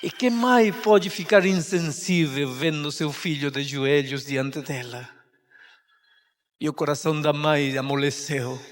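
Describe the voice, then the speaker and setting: A man pastor telling a story in a dramatic sermon, swinging between loud cries and hushed words. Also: a little high, measured pace. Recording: long hall reverb.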